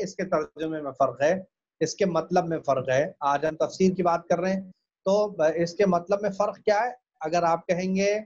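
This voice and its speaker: A man giving a Quran commentary lesson, explaining patiently with hesitant fillers and reciting phrases slowly and carefully. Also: fairly high pitch. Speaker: religious teacher. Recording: dull lo-fi recording.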